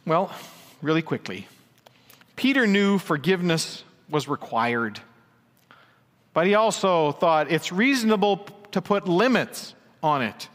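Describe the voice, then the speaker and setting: A man's voice: on the high side, lively intonation, measured pace, a bit bright, long reverb tail. A male pastor, preaching a conversational sermon with asides and dry jokes.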